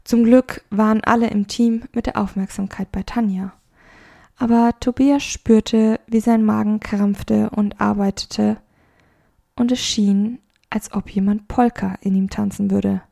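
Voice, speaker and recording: A woman narrates a calm mindfulness story in a soft, soothing manner, sometimes dropping to a half-whisper. Her voice is warm and dark with a gravelly fry. She sounds unhurried. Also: mid-range voice. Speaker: podcast host and storyteller.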